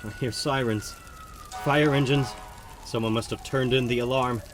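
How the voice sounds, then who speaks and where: A man's voice: medium pitch, fairly even intonation, normal speed, roomy sound, noisy background, close to an everyday voice. A man playing a plucky, wisecracking young superhero who thinks aloud in a dramatic comic-book reading. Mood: tense, determined. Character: plucky young male masked superhero, quippy and determined. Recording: music behind the voice.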